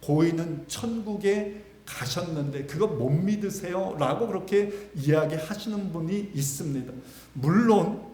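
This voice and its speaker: A man's voice: sits high, darkish tone. A male pastor preaching a sermon with dramatic swings of emphasis, speaking directly to his congregation. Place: church sanctuary. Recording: echoey church sanctuary.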